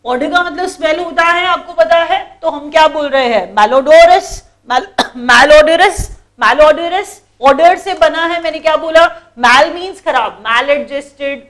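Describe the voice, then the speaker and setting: A woman with an Indian accent teaches English vocabulary in a lesson, with a high, light voice. She explains patiently, says each word more than once and keeps quizzing her students with questions. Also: fairly bright tone. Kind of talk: classroom lesson.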